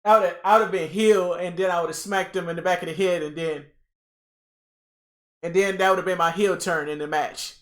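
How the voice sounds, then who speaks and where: A young man hosting a casual livestream reaction, excitable and rambling, repeating himself and talking to his chat. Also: high voice, moderate pace. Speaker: livestream host.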